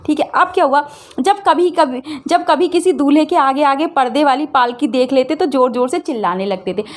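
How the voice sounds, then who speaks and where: A woman teacher with a high voice talks through a school lesson. She retells the story plainly, repeats her phrases, and keeps asking her students questions as she explains. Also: moderate pace. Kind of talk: Hindi class revision lesson.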